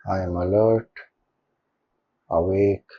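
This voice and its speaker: Here a deep-voiced man with an Indian accent acts as a spiritual teacher, guiding listeners through meditation in a gentle, unhurried way with measured pauses. The audio is muffled.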